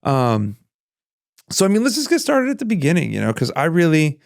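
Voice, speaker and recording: A man's voice: fairly high pitch, wildly swooping pitch, brisk, gravelly, no echo, studio quality. A man hosting a casual podcast interview, rambling and restarting his sentences, often laughing. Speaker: podcast host.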